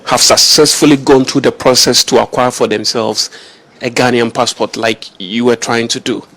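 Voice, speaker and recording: A man's voice: mid-range voice, steady tone, normal speed, fairly bright tone. A man working as a news reporter, insistently grilling a suspect in a confrontational interview. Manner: pointed, insistent questioning.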